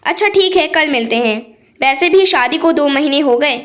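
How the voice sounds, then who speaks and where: A woman's voice: high voice, lively intonation, normal speed, fairly bright tone. A woman voicing a sneaky young wife in a storybook tale who talks slyly and defensively. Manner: sly, defensive.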